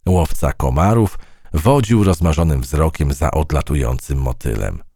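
A man narrating a children's audiobook in an expressive storytelling manner. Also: rumbling low, a little slow, creaky, husky, no room sound, clean studio sound.

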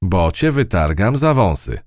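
A man's voice: sits low, sing-song, a little slow, a little mellow, dry recording, studio quality, voice pushed up. A man voicing a tough, one-eyed female field mouse in a storybook reading, brash and scolding. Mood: bossy, mocking.

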